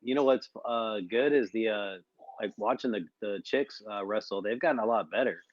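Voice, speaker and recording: A man in a casual talk show, speaking in a low-key, hesitant way. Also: moderate pace, no room sound. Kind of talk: casual chat. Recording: dry, dull lo-fi sound.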